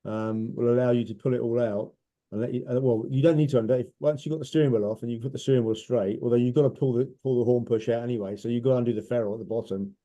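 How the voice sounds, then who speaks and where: Very dark-voiced, fast-talking man. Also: mid-range voice, steady tone, highs cut off. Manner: informal, explains step by step. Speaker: car specialist answering questions. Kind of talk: casual technical chat.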